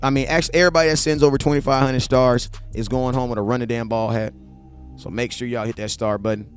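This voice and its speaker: Faint music plays behind this fast-talking man in his 40s, whose medium-pitched voice stays fairly even. As a live streamer and sports fan host, he reads viewer comments casually, uses slang, talks right to his viewers, and says things twice to drive them home.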